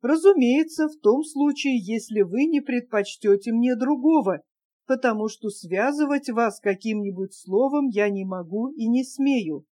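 A woman's voice: fairly high pitch, measured pace, warm tone. A woman reading a grown man's earnest, solemn promises in a novel. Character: grown man, tender earnest suitor.

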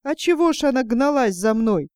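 A lazy, foolish young peasant lad from a storybook grumbles and blusters, as a woman reading the tale puts him on. The voice is a bit high and mellow, close and dry. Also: expressive, moderate pace, smooth, no room sound, lightly acted. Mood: blustering.

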